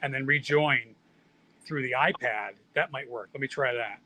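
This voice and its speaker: A man's voice: medium pitch, moderate pace, sharp tone, no echo, rough recording. Man heard over a video call. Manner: apologetic, sorting out audio trouble. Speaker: guest joining late. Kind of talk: casual chat.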